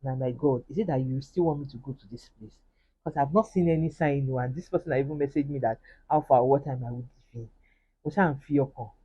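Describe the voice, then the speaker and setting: A woman with a Nigerian accent and a low, breathy voice earnestly shares her personal faith testimony in a casual vlog. She speaks directly to her viewers, and the sound quality is lo-fi.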